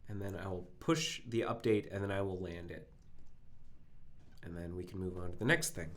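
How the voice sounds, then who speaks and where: A man hosting a live coding stream thinks aloud, halting, correcting himself and using many fillers, his throat phlegmy from a cold. His voice sits low, with a fairly bright tone.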